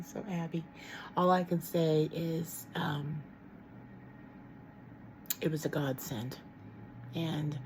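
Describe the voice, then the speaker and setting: A middle-aged woman talks casually to her camera at home. Her voice sits a little low and has a mellow, warm tone. She rambles frankly, with plenty of ums and false starts, and a faint hum of room sound lies underneath. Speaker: vlogger.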